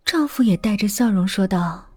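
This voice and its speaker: A woman narrating a ghost story dramatically, slowing down and hushing at the tense moments. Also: mid-range voice, animated, slightly rough, no room sound. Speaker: storyteller host. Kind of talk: horror audiobook narration. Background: faint music.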